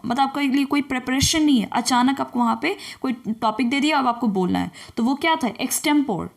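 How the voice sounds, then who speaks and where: A woman teaching English vocabulary, reading each definition slowly, then explaining it and quizzing the listener with repeated questions. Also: sits high. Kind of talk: bilingual vocabulary lesson.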